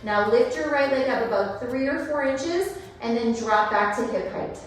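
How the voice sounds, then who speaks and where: High-voiced woman aerobics instructor, echoey and distant. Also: moderate pace. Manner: encouraging, instructive, counts down reps. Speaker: Pilates fitness instructor. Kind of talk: aerobics instructor cueing and counting through a workout. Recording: echoey room, distant, music behind.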